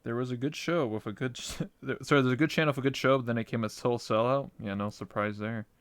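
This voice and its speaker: A man's voice: medium pitch, fast, no room sound. Casting: man, clean resonant voice recorded dry, slangy rambling conversationalist who swears freely. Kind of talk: casual interview chat.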